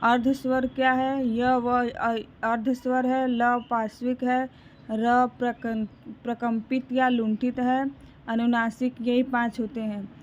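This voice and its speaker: A woman teacher giving an exam-prep lesson, slowly reading out lists and reminding students to memorize them. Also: fairly high pitch, little pitch movement. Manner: slow, deliberate listing with repeated reminders to memorize. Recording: slightly dull recording with faint room noise.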